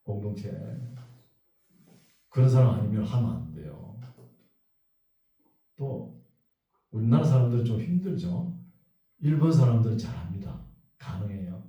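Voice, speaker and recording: A male pastor giving a sermon in a church sanctuary. He reads scripture slowly, then speaks in a conversational, joking way. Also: lowish voice, animated, highs cut off. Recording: very echoey hall, voice from far off.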